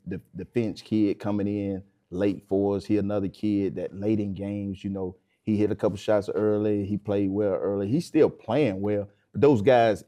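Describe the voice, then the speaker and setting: A man's voice: fairly low pitch, dark tone. A man, a basketball coach explaining things colloquially in a casual interview.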